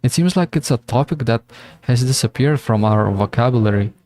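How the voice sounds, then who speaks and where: A man's voice: mid-range voice, animated, fairly quick, darkish tone. A man streaming a game who rambles through philosophical thoughts, swearing freely as he muses. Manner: rambling, meandering, swears often. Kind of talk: casual livestream musing.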